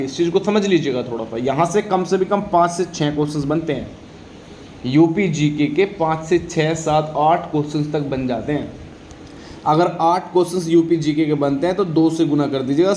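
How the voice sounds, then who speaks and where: A man gives an informal lecture on general knowledge for exams, frequently repeating questions and answers and making sure students are following. His voice sits on the high side with a darkish tone at a moderate pace, recorded in an echoey room with faint background noise.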